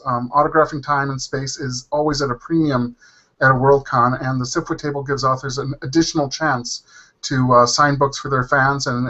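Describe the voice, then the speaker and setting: A man's voice: mid-range voice, sharp tone. A man talking casually as a panel guest, hesitant and full of ums and uhs. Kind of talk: casual chat. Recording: dull lo-fi audio.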